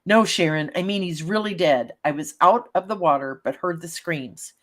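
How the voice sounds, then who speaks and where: A woman's voice: lowish voice, normal speed, fairly bright tone. A woman voicing a shaken young female roommate, read aloud in a plain voice.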